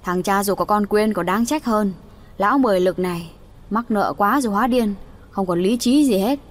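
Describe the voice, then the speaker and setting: A woman's voice: medium pitch, fairly quick, lightly acted. A woman voicing a scornful village bystander in a storybook reading.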